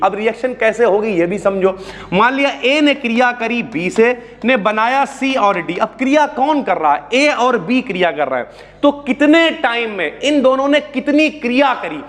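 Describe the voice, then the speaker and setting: High-voiced chatty chemistry teacher. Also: male voice, a bit bright. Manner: chatty, calls students brother, asks and answers own questions. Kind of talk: classroom lecture. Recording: long hall reverb.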